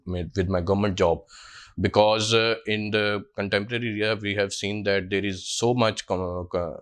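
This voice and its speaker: A lowish-voiced man in his 20s, a job candidate with a Pakistani English accent, gives hesitant answers to an interview panel, full of fillers and restarts.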